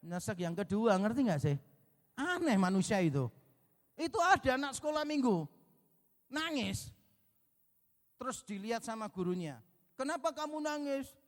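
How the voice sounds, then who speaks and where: High-voiced Indonesian pastor preaching. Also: male voice, very animated, moderate pace, pauses often. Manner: storytelling, acts out dialogue, jokes with congregation. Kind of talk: sermon. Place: large church hall. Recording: long church reverb.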